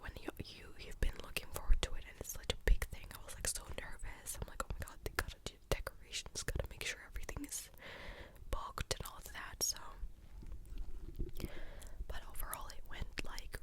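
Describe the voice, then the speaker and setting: A young adult woman whispers a rambling, informal ASMR storytime close to the ear in a breathy, clicky, unvoiced whisper with a mildly exasperated manner. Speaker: ASMR creator telling stories. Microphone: close ASMR stereo mic at the ear.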